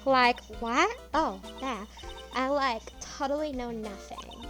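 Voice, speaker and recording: A woman performs an airy, ditzy valley-girl college student in a high-pitched voice, speaking slowly. Video game music plays behind her as the character stuffs each sentence with "like" and other fillers.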